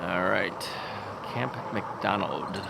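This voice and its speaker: This vlogger has a low, gravelly voice, animated yet very slow, as he rides an ebike along suburban roads. Talking into a camera on the bike, he rambles, chuckles a lot, and thinks out loud, questioning himself. Outdoor traffic and wind can be heard.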